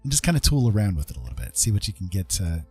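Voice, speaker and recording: Racing along in a low, husky, sing-song voice, a man hosts a live digital art tutorial as its streamer and instructor. He's casual and easygoing, often checking in with small questions after his points, while faint music plays behind.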